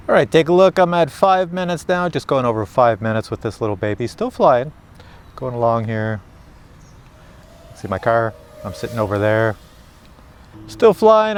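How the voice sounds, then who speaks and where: A chatty, excitable man talks to his viewers in a casual commentary. His pitch swoops up and down freely. He is recorded outdoors. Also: a little hiss or hum. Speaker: drone reviewer. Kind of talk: casual live commentary while flying.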